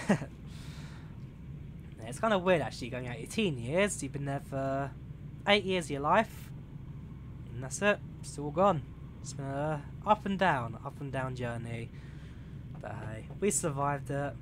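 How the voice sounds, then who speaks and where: A medium-pitched man speaking a little slowly chats with his live-stream audience while playing a train simulator. He's from England, around twenty, and rambles, reading chat aloud with plenty of fillers. Engine and rail noise from the game sits clearly behind his voice.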